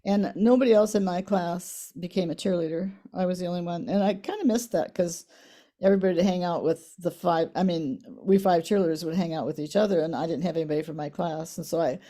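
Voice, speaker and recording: A woman in her eighties, reminiscing in a casual family interview, soft-spoken, her voice trailing off quietly at the ends of lines. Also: on the low side, fast talker. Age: 80s. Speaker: interviewee, the mother.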